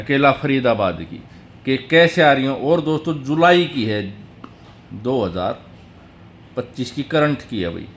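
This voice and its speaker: A man hosting a tutorial video, chattily calling viewers brother and friends as he steps slowly through number patterns. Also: medium pitch, fairly bright tone, a little hiss or hum.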